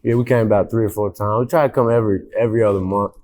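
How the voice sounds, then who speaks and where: A man's voice: fairly low pitch, steady tone, rapid-fire, darkish tone. A young man from Indiana, a rapper, talking casually in an interview with a laid-back, rambling manner and lots of fillers. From Indiana, USA. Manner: laid-back, repeats words, many fillers.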